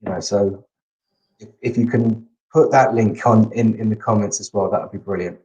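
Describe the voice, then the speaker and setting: A man's voice: lowish voice, fairly even intonation, normal speed, dark tone, lo-fi sound. A man speaking as an interview guest, casual and earnest, with plenty of enthusiasm. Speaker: guest, visually impaired rugby player.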